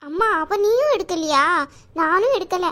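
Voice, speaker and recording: A woman's voice: very high-pitched, expressive, moderate pace, fairly bright tone. A woman putting on a fretful cartoon mother. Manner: fretful, questioning. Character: worried middle-aged mother. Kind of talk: animated cartoon voice acting.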